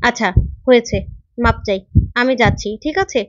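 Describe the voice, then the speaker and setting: A woman voicing a hurt, defiant young woman student, with quick, indignant retorts. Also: on the high side, no room sound, close to an everyday voice. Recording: dull, lo-fi recording.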